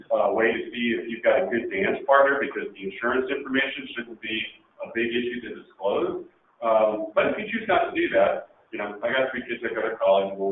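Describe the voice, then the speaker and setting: A man speaks at a seminar in a relaxed, conversational way, adding jokes and leaning hard on his points. He sounds distant from the mic in a very echoey room, and the sound is thin and phone-like. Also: fairly low pitch, slight background noise. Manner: conversational, joking, emphatic. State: out of breath. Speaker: presenter at a legal education seminar. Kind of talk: conference talk.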